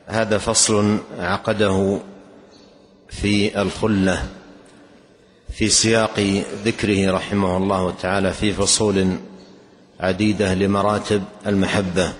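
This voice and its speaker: A deep-voiced man teaching a classical text, speaking slowly and with measured pauses. His voice rings out with a long reverb, as in a large hall. He lingers on each phrase as he explains it. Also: slight background noise. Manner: corrects the reader's wording. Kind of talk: lesson commentary on a text.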